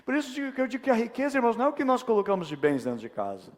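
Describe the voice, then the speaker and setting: A man's voice: very high-pitched, huge pitch swings, rapid-fire. A man from Brazil, preaching a sermon as pastor and telling stories while he acts out their characters. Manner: storytelling preacher, acting out the people in his stories. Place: church sanctuary. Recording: long church reverb.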